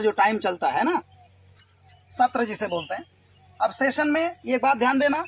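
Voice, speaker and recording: A man's voice: very high-pitched, a little hiss or hum, low-quality recording. A man from Uttar Pradesh teaching English reading, patiently spelling words out letter by letter. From Uttar Pradesh, India. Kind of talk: Hindi-language phonics lesson.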